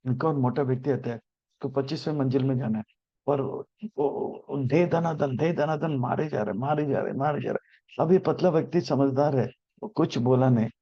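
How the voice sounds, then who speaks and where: Guy with a gravelly voice explaining scripture, lots of uh's and restarts, dull lo-fi sound. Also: mid-range voice. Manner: hesitant, many filler sounds and restarts. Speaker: spiritual teacher explaining scripture. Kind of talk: devotional scripture discourse with stories.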